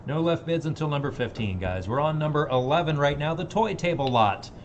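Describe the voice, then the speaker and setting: A man's voice: fairly high pitch, lively intonation, a little fast, muffled recording, a little hiss or hum. A man working as an auctioneer, repeating numbers in a bid chant and talking informally to bidders. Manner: informal, plain-spoken.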